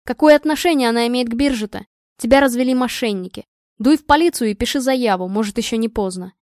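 A woman reading the part of a calm, sardonic young man who lectures his friend. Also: on the high side, no echo, lightly acted. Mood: blunt. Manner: unhurried and dry.

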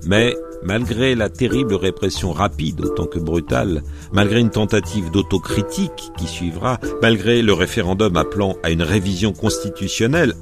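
A man narrating a radio history program from a script, with wry, ironic commentary. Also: deep voice.

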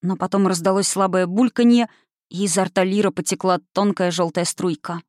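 Dry, steady audiobook narrator. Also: medium pitch, normal speed, no room sound. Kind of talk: scripted fantasy novel narration.

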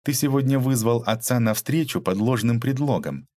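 A man's voice: mid-range voice, normal speed, warm tone, no room sound, voice pushed up, close to an everyday voice. A man reading an audiobook aloud, voicing a tough, ironic young woman detective who mocks and lectures. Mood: stern. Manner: mocking, cold, lecturing.

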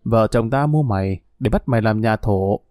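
A man's voice: on the low side, moderate pace, a little mellow, no room sound, studio quality, faint music behind, natural voice. A man doing a cruel menacing pimp. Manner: harsh, threatening, contemptuous. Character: brutal male pimp, cold and menacing.

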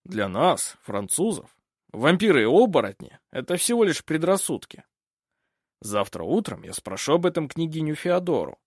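A self-assured older French baron from an audiobook, read by a man. His husky voice moves lively through its range, recorded dry and close. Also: fairly high pitch, moderate pace, no room sound, full character voice. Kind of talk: audiobook character reading.

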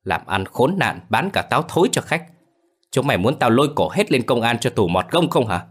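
A man voicing a brutish tattooed thug, middle-aged, shouting threats in a violent temper. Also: lowish voice, very animated, fast talker, slightly rough, exaggerated voice. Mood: furious threats.

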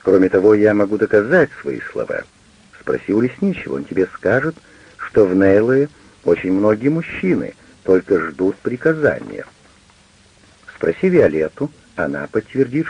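A man with a low, gravelly voice playing a stubborn, defensive cavalry captain arguing with his wife in an audiobook. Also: very animated, moderate pace, dry recording, lo-fi sound, full character voice. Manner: sulky, then threatening.

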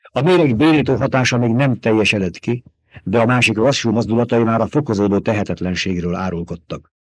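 Male audiobook narrator, measured, husky voice, dry close sound. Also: fairly low pitch, no room sound. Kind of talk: scripted narration.

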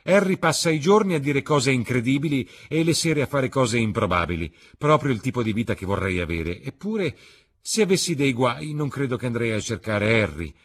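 A charming, evasive young gentleman with a husky edge to his voice and a raised, lively pitch, as a male reader puts him on. He speaks lightly and with emphasis, in an audiobook reading. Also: moderate pace.

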